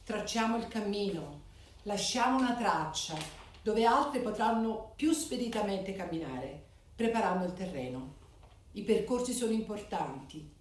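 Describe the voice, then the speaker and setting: A woman reading a formal ceremonial speech in measured, declamatory phrases. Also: mid-range voice. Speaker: speaker at a club charter ceremony. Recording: echoey hall, voice from far off.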